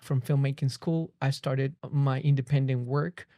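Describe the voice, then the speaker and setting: Recorded cleanly with no echo on a close boom-arm microphone in a small podcast studio, a Colombian-accented man, a native Spanish speaker, reflects on his life as a guest. His mid-range voice is mellow, fairly even in intonation, at normal speed.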